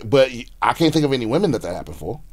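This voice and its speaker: A man's voice: mid-range voice, very fast. A man in his thirties hosting a podcast, chatting casually and animatedly, often repeating words as he starts a thought. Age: 30s. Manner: animated, repeats himself when starting sentences. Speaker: podcast host, comedian. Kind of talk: casual chat.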